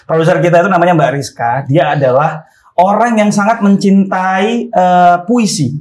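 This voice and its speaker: A man's voice: high voice, normal speed, a little mellow. A man hosting a casual chat show, joking and chatty. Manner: chatty and joking, plays in a band himself. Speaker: show host.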